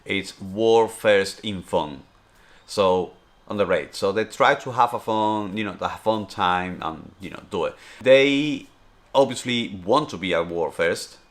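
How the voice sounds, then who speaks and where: A Spanish man in his thirties, with a deep low voice and a Spanish accent, chats loosely through a streamer's Q&A. He rambles, circles back and fills his talk with "obviously" and "you know". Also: measured pace. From Spain. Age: 30s. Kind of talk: casual Q&A chat.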